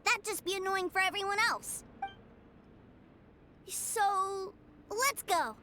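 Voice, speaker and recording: A woman's voice: slow, noisy background. A woman voicing a sweet, trusting little boy in a video game, childlike, eager and earnest. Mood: innocent. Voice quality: high, childlike. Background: music.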